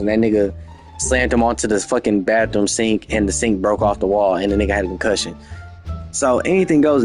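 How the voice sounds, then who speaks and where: A young man telling a story from his own life, with lots of slang and profanity, acting out the dialogue himself. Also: on the low side. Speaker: storyteller, channel host. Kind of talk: casual storytime monologue.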